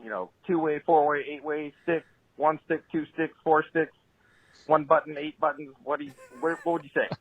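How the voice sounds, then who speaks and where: Male caller on a landline phone; slightly high voice, hesitant, joking, tinny narrow line. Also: level tone, breathy edge. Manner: halting, joking, many "uh"s. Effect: over a landline phone.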